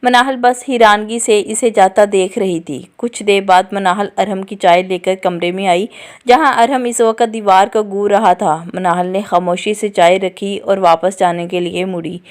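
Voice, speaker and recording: A woman reads a romance novel aloud in a steady, even way. Her voice is smooth and clear, at a middle pitch. The delivery is scripted storytelling. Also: moderate pace. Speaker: audiobook narrator.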